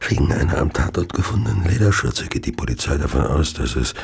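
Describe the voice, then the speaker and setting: A man playing a gloating, well-to-do Victorian serial killer in a radio play, speaking in a slow, savouring, theatrical way with a gravelly, husky voice. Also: rumbling low, big pitch swings, background noise, heavily acted. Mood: savouring, mocking. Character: gloating, arsenic-addicted Victorian serial killer, wealthy gentleman. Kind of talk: German radio play monologue and narration.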